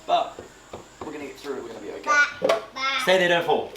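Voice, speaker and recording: A man's voice: on the high side, wildly swooping pitch, a little fast. Jokey guy in a roomy kitchen. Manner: chatty, jokey, self-mocking, loose with fillers. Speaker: fitness vlogger doing meal prep. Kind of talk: casual cooking vlog. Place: home kitchen, indoors. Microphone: camera mic, filmed by a helper. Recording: roomy kitchen with faint cooking noise.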